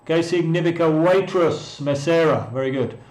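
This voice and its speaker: Slow, patient male teacher in echoey room. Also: on the high side, a little mellow. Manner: patient, repeats words, answers chat viewers. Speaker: English teacher. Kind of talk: live-streamed language lesson. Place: room in Mexico.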